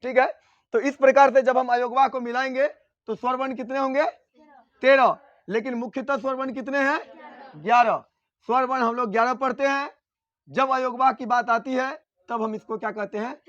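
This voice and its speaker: High-voiced man teaching Hindi grammar. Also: fairly even intonation, a bit bright, no room sound, highs cut off. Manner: repeats points and quizzes students with rhetorical questions; sounds out vowels slowly to show their length. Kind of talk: classroom lecture.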